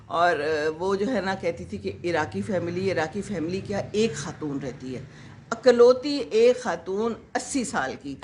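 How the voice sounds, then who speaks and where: A woman's voice: fairly low pitch, expressive, darkish tone, slight background noise. A woman in her sixties, a vlogger who chats casually and rambles to her live viewers, with many fillers.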